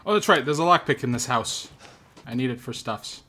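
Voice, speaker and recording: A man hosting a horror game playthrough, grumbling, swearing often and sometimes shouting when startled. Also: mid-range voice, lively intonation, brisk, husky. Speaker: host. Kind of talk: profane gaming commentary.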